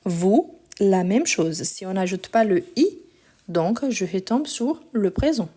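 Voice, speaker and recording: Taking it slowly, a French teacher with an animated, mellow, medium-pitched voice delivers a live online grammar lesson. The phone recording leaves her voice a bit weak as she patiently explains each step and spells endings out letter by letter.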